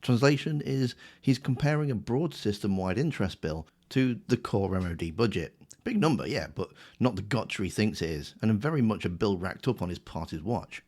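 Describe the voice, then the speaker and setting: A man's voice: on the low side, animated, normal speed, hardly any pauses, a little mellow. A man delivering scripted political rebuttal commentary in a smug, sarcastic, mocking manner.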